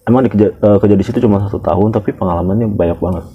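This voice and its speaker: Man, a security guard spinning blunt, slangy stories; low, dark voice on a dull lo-fi recording. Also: racing, breathy edge. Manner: animated storyteller, blunt slang and swearing. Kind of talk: casual podcast chat.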